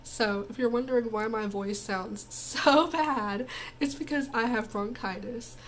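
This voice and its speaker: Croaky-voiced woman vlogger, unboxing. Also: on the high side, unhurried, low-quality recording. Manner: chatty and gushing. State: croaky from bronchitis. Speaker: planner vlogger. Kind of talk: casual unboxing chat.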